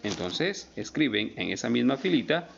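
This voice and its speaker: Male teacher, gravelly and lively in pitch, drawn-out emphatic delivery, dull lo-fi recording with faint hiss. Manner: slow, emphatic word-by-word explanation, stretching out key words. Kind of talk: recorded spelling lesson.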